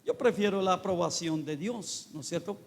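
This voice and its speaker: High-voiced pastor preaching in a reverberant church. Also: male voice, moderate pace, creaky. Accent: Colombian Spanish. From Colombia. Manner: preachy, repeatedly addressing the congregation as brother. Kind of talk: sermon. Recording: long hall reverb.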